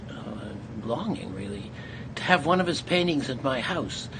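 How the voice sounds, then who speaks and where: Interviewer guy, gushing but stumbling over words, lots of ums, background noise. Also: mid-range voice. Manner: halting, effusive, with fillers. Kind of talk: conversational interview. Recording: noisy background ambience.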